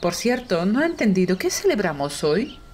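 A woman's voice: medium pitch, sing-song, moderate pace, darkish tone, a little hiss or hum, close to an everyday voice. An actress voicing an affectionate older mother and grandmother in a dubbed film drama. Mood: teasing, curious.

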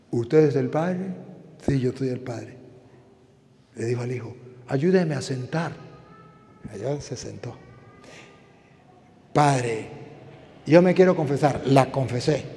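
A priest preaching a sermon, telling a story dramatically and voicing the people in it. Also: male voice, medium pitch, warm tone, long reverb tail.

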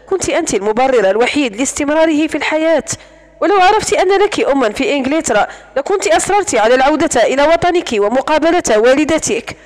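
A woman voicing a composed man handling family affairs, serious and businesslike. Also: sits high.

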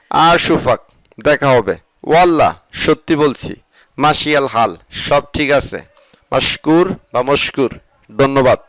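A man with a Bangladeshi Bengali accent teaching Arabic vocabulary, explaining each word slowly and repeating it. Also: mid-range voice, dry recording, low-quality recording. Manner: slow repetitive word-by-word explanation. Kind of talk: vocabulary lesson.

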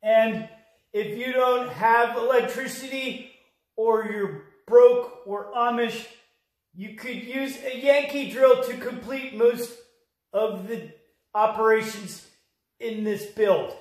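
A man hosting a how-to video, explaining tools and materials with deadpan jokes. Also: very high voice, slow pace. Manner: deadpan, joking. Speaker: DIY host. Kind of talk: jokey how-to instruction. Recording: very echoey room, mic far off.

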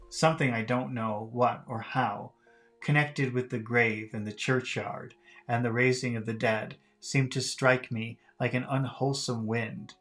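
A man's voice: mid-range voice, fairly bright tone. Man reading a novel aloud. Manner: careful reading with slips and self-corrections. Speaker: audiobook reader for learners. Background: faint music.

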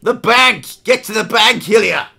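A live game streamer talks through play in a bright, sharp voice. The pitch leaps all over the place as they shout and repeat themselves. They keep up a running, excitable commentary and read chat aloud. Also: unhurried, creaky, breathy edge.

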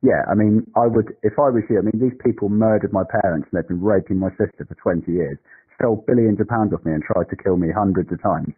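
A man calling in on a phone line, measured and lecturing, turning abusive. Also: on the low side, husky. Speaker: caller. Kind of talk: phone call.

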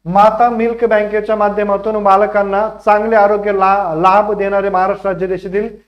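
Guy teaching a live exam class, kinda high voice, dull lo-fi audio, keeps telling kids hurry up answer. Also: level tone. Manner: rapid, coaxing, keeps urging students to answer fast; calls students "children" affectionately.

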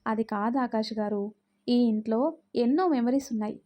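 Storybook young mother, gentle and polite, read by a woman, highish mellow voice. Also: steady tone, moderate pace, close to an everyday voice. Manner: polite, soft-spoken.

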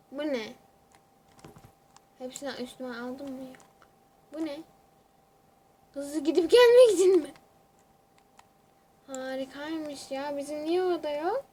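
A young woman chatting excitably to viewers while she plays a computer game. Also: high voice, a little hiss or hum. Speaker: gamer. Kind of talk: casual gaming commentary.

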